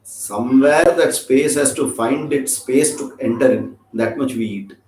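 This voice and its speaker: A man's voice: mid-range voice, measured pace, darkish tone. A man with an Indian accent teaching an informal scripture class, chatty and joking, often checking in with his listeners. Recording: roomy echo.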